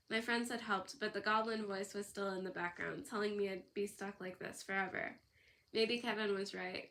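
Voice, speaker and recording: A woman narrating an audiobook in a steady storytelling read, her pitch in an ordinary middle range. Her tone is bright and forward. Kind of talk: scripted narration.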